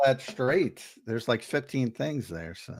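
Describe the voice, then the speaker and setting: Joining a sports show as a guest analyst over a remote call, a man talks casually in a medium-pitched, expressive voice at an unhurried pace. He sounds hesitant, with plenty of fillers and restarts, and the background is noisy.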